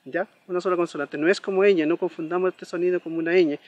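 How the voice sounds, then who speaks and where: A man giving a pronunciation lesson, slowly repeating each example word and checking in with "¿ya?" often. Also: high-pitched, steady tone, a little mellow, highs cut off. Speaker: language teacher.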